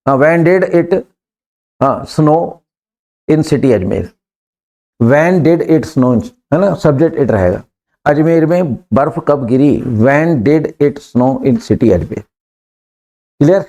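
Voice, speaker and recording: A man's voice: fairly high pitch, mellow. A man teaching in a classroom, drilling his students on sentences and coaxing them to answer and repeat. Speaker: English teacher.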